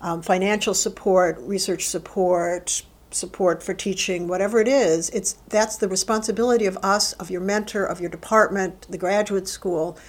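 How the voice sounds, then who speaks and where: In an oral history interview, a middle-aged woman who works as a university administrator answers questions thoughtfully but haltingly, often restarting. Her voice is medium-pitched with fairly even intonation.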